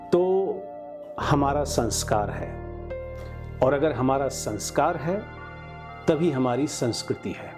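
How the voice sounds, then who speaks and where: A man hosting a show, teaching intonation and giving a closing address in a slow, deliberate way. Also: medium pitch, a little mellow. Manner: slow and deliberate, mixes Hindi and English, drawn-out words. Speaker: host and English pronunciation teacher.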